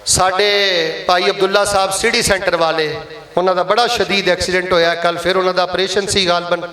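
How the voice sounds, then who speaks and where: A man's voice: high voice, flat delivery, moderate pace, pushed and bright, roomy sound. A man with a Punjabi accent leading a mosque fundraising appeal during a Friday sermon, coaxing and blessing the congregation.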